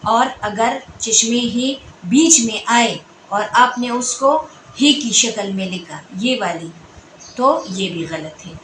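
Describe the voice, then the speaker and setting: A woman teaching Urdu letters and sounds to students in a patient lesson, repeating sounds slowly and checking whether they have understood. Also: a little high, animated, a bit bright. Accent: Pakistani Urdu. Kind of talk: classroom-style explanation to students. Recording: echoey room with background noise.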